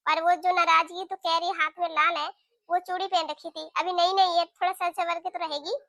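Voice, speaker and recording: A woman voicing a sharp-tongued, nagging middle-aged mother-in-law in a cartoon, talking in a scolding, taunting way. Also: very high voice, little pitch movement, moderate pace, dry recording, clean studio sound. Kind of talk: cartoon voice acting.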